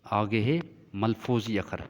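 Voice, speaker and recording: A male teacher giving a classroom lecture, explaining slowly and repeating points as he checks that the class follows. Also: fairly low pitch, fairly even intonation. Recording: dull lo-fi sound with long reverb.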